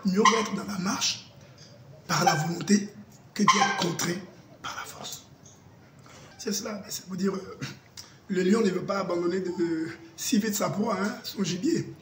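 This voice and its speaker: A man's voice: sits high, normal speed, reverberant, background noise. A man gives political commentary in an emphatic, oratorical way, building points through repetition.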